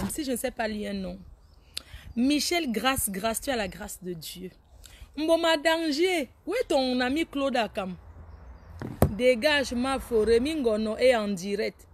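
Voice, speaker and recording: A woman hosts a casual live stream, reading viewers' names aloud. Her voice sits a little high, and her talk is lively and teasing. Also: unhurried, a little hiss or hum. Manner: animated, teasing, laughs often, scolds viewers. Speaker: Facebook live host.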